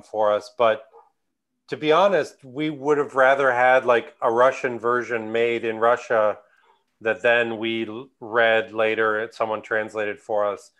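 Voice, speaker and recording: A man's voice: mid-range voice, fairly bright tone. An American man from the Midwest speaking at a conference panel over a video call, hesitant, with many fillers and restarts. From United States Midwest. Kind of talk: conference talk answering questions.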